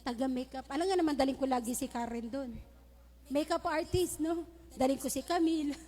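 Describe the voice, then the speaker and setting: High-voiced woman pastor preaching in a hall. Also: a little fast, warm tone. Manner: humorous storytelling mixed with Taglish preaching. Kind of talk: sermon. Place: church hall. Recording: long reverb of a church hall.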